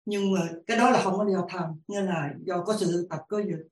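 A woman, a lay practitioner asking her teacher questions, halting as she searches for words. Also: fairly low pitch. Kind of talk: dharma Q&A. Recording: roomy echo.

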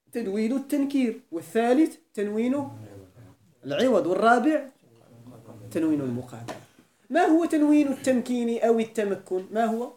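A man's voice: high-pitched, warm tone. A man with a Moroccan Arabic accent teaching a classroom grammar lesson, quizzing the students with frequent questions and repeating key points. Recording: echoey room.

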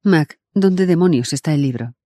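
A man's voice: a little high, animated, moderate pace, warm tone, no room sound, studio quality, pitched above the performer's own voice, close to an everyday voice. A man voicing a blunt, demanding man calling over a radio in an audiobook. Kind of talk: audiobook character voice.

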